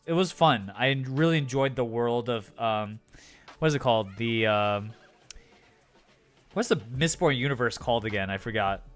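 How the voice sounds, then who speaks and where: A man's voice: mid-range voice, a bit bright, smooth. A man livestreaming, rambling in casual chat with viewers, his throat sore from talking. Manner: rambling, filler-heavy, frequent restarts.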